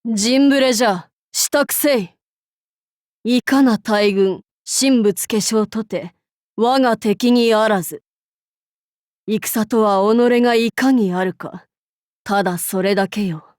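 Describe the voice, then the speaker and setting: A woman voices a haughty, imperious demon-king warlord for a mobile game, using pompous, archaic lordly Japanese phrasing. Her voice is slightly high, slow, and a touch mellow, recorded at studio quality with no room sound. She comes across as grand and imperious.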